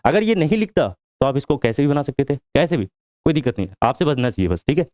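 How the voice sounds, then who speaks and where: A maths teacher from India explaining a proof step by step, asking the class questions and answering them himself. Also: male voice, mid-range voice, big pitch swings, fast talker, a little mellow, dry recording. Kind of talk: whiteboard lesson.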